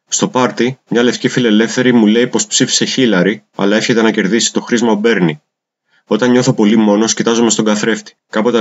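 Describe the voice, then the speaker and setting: Male poetry reader, deep-leaning voice, measured deliberate delivery, muffled low-fidelity recording. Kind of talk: reading translated poetry aloud. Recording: dull lo-fi recording.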